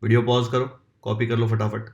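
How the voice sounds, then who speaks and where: A man teaching a maths lesson in a casual mix of Hindi and English, asking his students rhetorical questions and reading the question text slowly. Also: medium pitch, level tone, a little mellow, highs cut off. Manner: chatty, asks the class rhetorical questions and answers them. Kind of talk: casual Hinglish exam-prep lesson.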